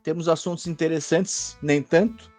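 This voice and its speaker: A man co-hosting a podcast in a casual chat, relaxed and teasing, with a Brazilian Portuguese accent. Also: a little high, normal speed, soft background music. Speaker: podcast co-host.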